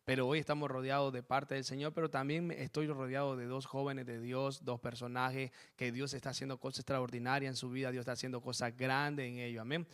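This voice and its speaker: On a Spanish church program, a pastor interviews guests and prays aloud, showering them with fervent blessings and frequent amens. His medium-pitched voice is clear and resonant, with little pitch movement. He talks fairly quickly, barely pausing.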